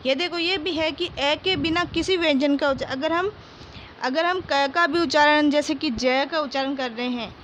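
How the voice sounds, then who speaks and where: Slow, patient woman teaching Hindi. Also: high-pitched, fairly bright tone, a little hiss or hum. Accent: Rajasthani Hindi. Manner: slow, patient, repeats each word twice for pupils; asks questions and answers them herself. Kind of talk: Hindi primary-school lesson, reading words aloud.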